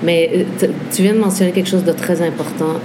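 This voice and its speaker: A woman's voice: lowish voice, fairly quick, background noise. A woman with a Quebec French accent, a guest in a casual interview, talking thoughtfully with many fillers in a café. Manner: thoughtful, lively, frequent fillers. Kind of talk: casual conversation.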